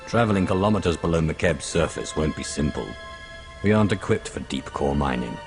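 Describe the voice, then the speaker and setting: Very deep and animated, this man's fairly quick delivery brings to life a determined lord barking urgent commands in a game cutscene. He speaks formally, with authority, over clearly audible music.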